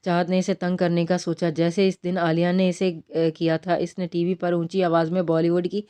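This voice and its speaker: A woman narrating a romance novel aloud in a plain, unhurried reading style. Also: lowish voice, flat delivery, mellow, clean tone.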